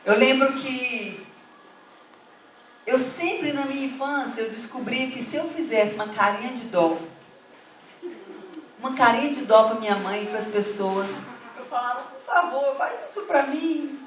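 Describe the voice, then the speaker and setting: High-voiced woman preaching in an echoey hall. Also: measured pace, pauses often, far from the mic, slight background noise. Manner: fervent, builds to emphatic calls to the congregation. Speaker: pastor. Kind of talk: sermon. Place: church hall.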